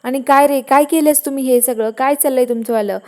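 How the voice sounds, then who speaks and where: A woman voicing an angry middle-aged mother who shouts accusing questions at her son, in retold serial dialogue. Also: sits high, fairly even intonation, fairly quick, close to an everyday voice. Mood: scolding.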